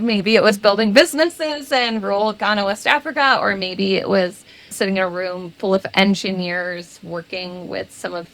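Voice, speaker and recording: A woman in her thirties answering interview questions as a guest, animated and laughing now and then between phrases. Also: lowish voice, gravelly. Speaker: guest, people and culture executive.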